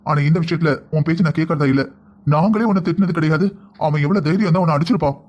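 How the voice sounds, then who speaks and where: A man speaks quickly in a somewhat high voice. He scolds and argues as a husband in a cartoon family drama. His lines come out rapid and sharp. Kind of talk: Tamil cartoon voice acting.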